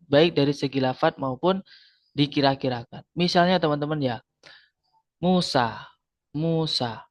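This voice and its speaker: A man teaches a grammar lesson in a fairly high voice. He explains patiently, repeats each term and quizzes his students. The sound is dull and lo-fi, with a dry, close feel. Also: no room sound.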